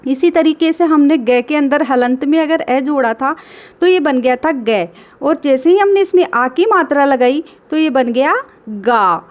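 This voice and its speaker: A woman teacher giving a reading lesson to children, slowly and patiently sounding out syllables and talking directly to the kids. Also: high-pitched, muffled recording.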